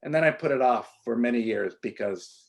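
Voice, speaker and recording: A man being interviewed as an author, telling animated stories and often restarting his sentences. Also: mid-range voice, creaky. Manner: halting, many restarts and repeated words; animated storytelling. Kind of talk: conversational interview.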